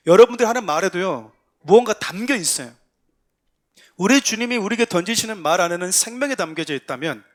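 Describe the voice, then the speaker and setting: A pastor giving a Sunday sermon, earnest and emphatic, mixing calm explanation with lively quoted voices. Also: male voice, sits high. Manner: earnest, rising to emphatic exhortation with acted quotes. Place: church sanctuary.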